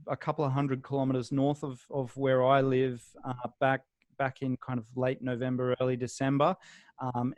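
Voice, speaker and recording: Australian man, interview guest, rambling casual talk, ums and restarts, dry sound, mid pitch. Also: no echo. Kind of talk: casual video call interview.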